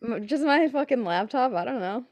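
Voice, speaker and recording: A woman's voice: fairly high pitch, expressive, moderate pace, no echo, highs cut off. A young adult woman co-hosting a casual podcast in a blunt, laid-back, sweary way. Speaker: podcast co-host.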